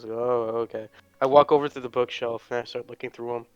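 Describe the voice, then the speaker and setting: A man's voice: mid-range voice, level tone, fast talker, clean tone, dry recording, highs cut off. A man playing a tabletop game over an online call, tentative and unsure about the rules. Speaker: player. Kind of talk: casual tabletop play.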